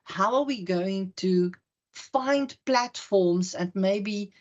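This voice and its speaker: A middle-aged woman giving an academic conference talk to an audience in a room, telling a story and slowing down to stress key words. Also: mid-range voice, highs cut off. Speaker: conference speaker.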